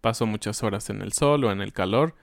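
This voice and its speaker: A man with a Mexican accent who explains slang in a casual lesson, often agreeing with a quick "ujú". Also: fairly low pitch, gravelly, dry recording, studio quality. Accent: Mexican Spanish. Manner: affirming with frequent "ujú", explanatory. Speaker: Spanish teacher.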